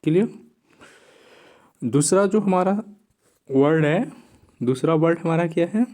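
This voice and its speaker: Male tutor, slow and deliberate, repeats each word and checks in with short tag questions while writing on a board. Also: a little high, darkish tone. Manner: writes on a board while explaining. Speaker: teacher. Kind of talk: exam vocabulary lesson.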